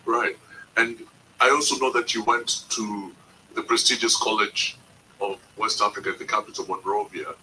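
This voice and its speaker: A man hosting a news podcast, narrating from a script and asking measured, probing questions. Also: fairly low pitch, steady tone, bright, forceful tone, far from the mic, slight background noise, low-quality recording. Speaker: podcast host and interviewer.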